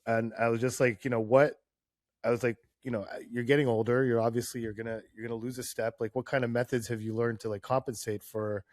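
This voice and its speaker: A man co-hosting a hockey podcast, animated and chatty, often restarting phrases as he tells a story. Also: mid-range voice, fast talker, dry recording, studio quality. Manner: animated storyteller, laughs, stammers. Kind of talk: casual chat, storytelling.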